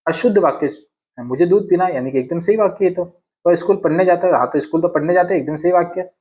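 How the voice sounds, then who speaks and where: A man's voice: high-pitched, quick pace, a little mellow. A man teaching exam grammar in a casual classroom way, repeating each sentence and asking and answering his own questions. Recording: dull lo-fi sound.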